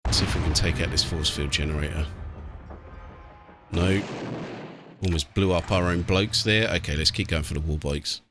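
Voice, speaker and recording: A British man hosting a gaming channel gives relaxed, chatty commentary on a strategy game, thinking aloud along the way. His deep voice moves at a normal speed with frequent pauses. Background noise includes video game music and battle sounds of artillery and vehicles.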